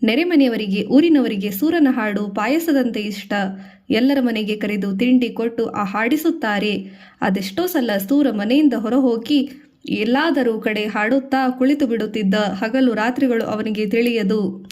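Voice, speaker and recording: A woman narrating a devotional story from a script, lifting her voice for the characters' lines. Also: a little slow. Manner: expressive, voices characters' lines with a raised pitch.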